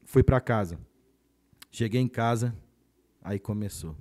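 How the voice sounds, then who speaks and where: A man with a Brazilian Portuguese accent, a pastor telling a personal testimony in a podcast conversation, animated and acting out the voices of the people in his story. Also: on the low side, unhurried. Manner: animated storyteller who acts out quoted voices.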